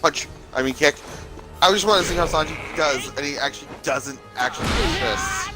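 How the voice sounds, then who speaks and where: A man's voice: on the high side, wildly swooping pitch, fairly quick. Casual male gamer, music behind him. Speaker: gamer playing online matches. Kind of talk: casual gaming chat with reactions.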